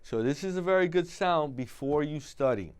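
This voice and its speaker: A man hosting a public-access talk show, calmly explaining study tips and introducing his guest. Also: a little high, normal speed, clean tone. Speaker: host.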